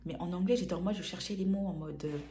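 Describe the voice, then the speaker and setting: Low-voiced young woman telling a slangy story. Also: quick pace, a little hiss or hum. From France. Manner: lively, slangy, acts out dialogue. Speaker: vlogger. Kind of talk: casual storytime.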